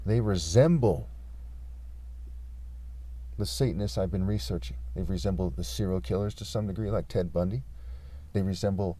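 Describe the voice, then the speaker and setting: A man from California talking insistently in an unscripted vlog monologue, pausing often with fillers. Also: deep voice, warm tone. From California, USA. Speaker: vlogger.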